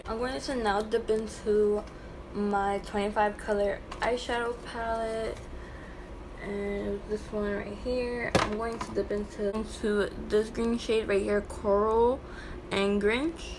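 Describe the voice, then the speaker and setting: A young woman with a slight lisp from a new tongue piercing, chatting casually through a makeup tutorial at home. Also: mid-range voice. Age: young adult. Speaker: makeup vlogger. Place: small bedroom at home, indoors. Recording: clearly noisy home room recording.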